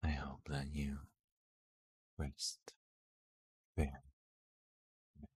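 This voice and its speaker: Very slow, breathy soothing whisper. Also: rumbling low, completely flat delivery. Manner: soft soothing whisper with small quiet laughs. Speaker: ASMR sleep guide. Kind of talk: whispered ASMR sleep talk.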